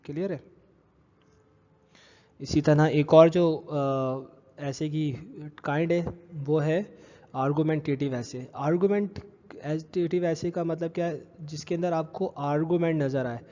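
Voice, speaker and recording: Male college teacher, slightly high mellow voice, patient slide-lecture delivery, lo-fi echoey sound. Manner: explains slowly, repeating terms in two languages; checks understanding with short questions. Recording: dull lo-fi echoey room.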